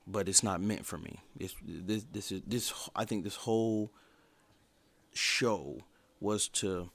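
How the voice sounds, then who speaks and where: A man's voice: fairly low pitch, slow pace, gravelly. A man in his twenties giving a casual livestream review in a blunt, opinionated, rambling way. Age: 20s. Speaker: show reviewer.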